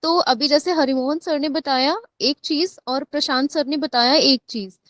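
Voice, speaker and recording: A woman's voice: high-pitched, moderate pace, fairly bright tone, no echo. A woman taking part in an online class, sharing her points at length and switching between Hindi and English. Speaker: participant.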